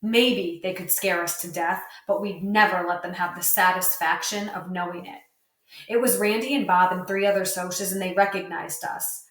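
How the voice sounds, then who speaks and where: A woman reading a novel aloud, telling the story in first person with steady narration. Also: lowish voice. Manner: steady storytelling narration with lightly voiced dialogue. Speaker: reader. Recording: roomy, distant mic.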